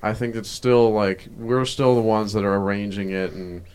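Clear, low-voiced young man chatting casually. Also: fairly even intonation, moderate pace, a little mellow. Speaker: podcast co-host. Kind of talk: casual chat.

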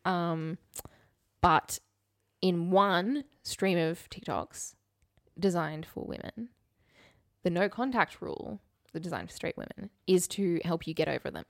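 A young woman co-hosting a podcast speaks at a measured pace in a lowish, creaky voice. She's candid and wry, trading casual conversation and stories and repeating things for emphasis. The recording is dry and studio-clean.

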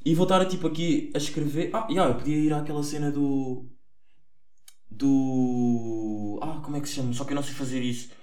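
A young man with a European Portuguese accent talks through his solo podcast in a loose, rambling way. He often trips over words, corrects himself and swears casually. His voice sits at an ordinary middle pitch and sounds roomy and echoey. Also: steady tone, moderate pace, darkish tone. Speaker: podcast host.

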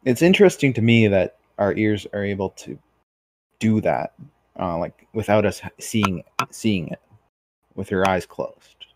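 A man's voice: fairly low pitch, measured pace, darkish tone. A man hosting a casual discussion, reflective and asking probing questions. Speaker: host.

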